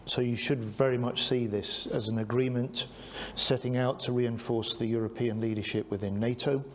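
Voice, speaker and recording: A man chairs a press conference as a minister and answers questions in a measured, steady way. A faint hiss of noise sits under his voice. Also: medium pitch. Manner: measured, calling on reporters by name. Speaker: defence secretary hosting press conference.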